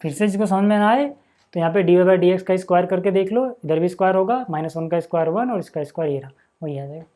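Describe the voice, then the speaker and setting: Here a warm, high-sitting male voice talks fast. He explains math in a casual, step-by-step manner, chatting with students he addresses as "भैया" and "भाई" and regularly checking they're with him through "है ना" and "यार".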